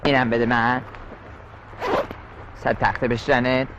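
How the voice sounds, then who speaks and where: A man's voice: mid-range voice, level tone, muffled recording, noisy background, close to an everyday voice. A man voicing a cheeky, rude young male actor in a cartoon, talking back with a cocky manner.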